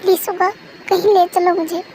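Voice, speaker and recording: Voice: very high voice, little pitch movement, moderate pace, noisy background. Someone voicing a heartbroken young wife in a fan-made audio drama, tearful and pleading with a breaking voice. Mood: panicked.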